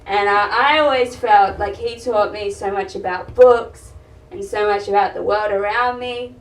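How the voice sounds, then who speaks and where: A woman's voice: mid-range voice, measured pace. A young woman performing a stand-up comedy set, blunt and swearing, rambling with fillers, in a live venue with an audience. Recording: roomy live venue, mic heard from a distance. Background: audience laughter and room noise.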